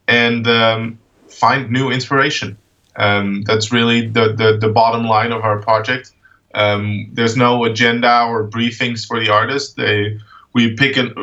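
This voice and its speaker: Interview guest: Dutch man, 30s, bright voice, halting with fillers, far off a dull lo-fi mic. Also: mid-range voice. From Netherlands. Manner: halting, many fillers and restarts. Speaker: guest, art project founder. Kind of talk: casual interview.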